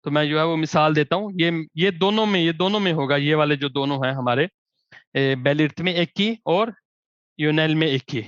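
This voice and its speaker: A man teaching grammar as a language teacher, giving examples in slow, drawn-out words between quicker explanation. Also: a little high, fairly bright tone, clean tone, dry recording. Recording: dry, dull lo-fi recording.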